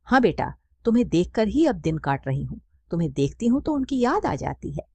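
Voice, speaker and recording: A woman's voice: mid-range voice, very animated, fairly quick, creaky, a little mellow, slightly rough, dry recording, voice pushed up, full character voice. A woman voicing a grieving widowed mother. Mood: tearful. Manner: tearful, pleading. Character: widowed mother, middle-aged, grieving and weak.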